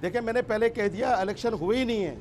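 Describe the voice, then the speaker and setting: A middle-aged man in a heated television debate, his voice pitched very high as he talks over others. He hammers the same rhetorical questions again and again, angry and relentless. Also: fast talker, faint music behind. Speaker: political party guest.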